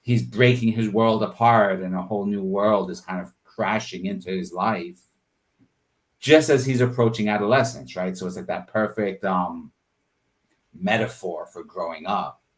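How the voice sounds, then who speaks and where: A man speaking at normal speed in a fairly low voice discusses how he creates his art during an interview. His tone stays relaxed and reflective, and he frequently gropes for words, leaning on "like" and "you know."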